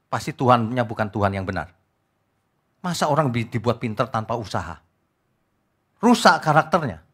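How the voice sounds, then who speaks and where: A man preaching an evening prayer sermon as pastor, with a mocking, lively manner. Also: mid-range voice.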